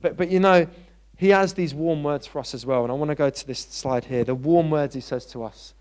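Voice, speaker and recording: A man preaching a sermon in a church. He talks in a conversational way and gets animated when he tells stories. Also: fairly high pitch, fairly quick. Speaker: pastor.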